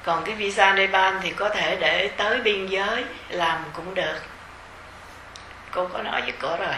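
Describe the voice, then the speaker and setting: A middle-aged woman with a Southern Vietnamese accent, a meditation teacher giving an informal dharma talk to retreat participants in a gentle, conversational way with soft fillers. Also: medium pitch, moderate pace, echoey room, a little hiss or hum, rough recording.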